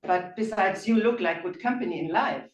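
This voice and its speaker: A woman chairing a speaking club meeting, chatty and quick to laugh. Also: medium pitch. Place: meeting room. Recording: echoey room from far off, faint noise.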